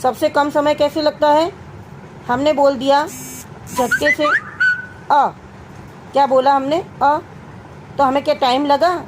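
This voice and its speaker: A woman's voice: high voice, fairly even intonation, normal speed, very noisy. A young woman teacher explaining a grammar lesson to children, asking them questions and answering them herself, calling them dear. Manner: addresses students as "beta".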